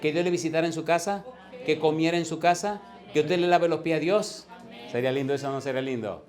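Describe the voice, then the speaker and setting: A man in his fifties preaching a sermon as a pastor, in a lively way that keeps putting questions to the congregation. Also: on the high side, fast talker.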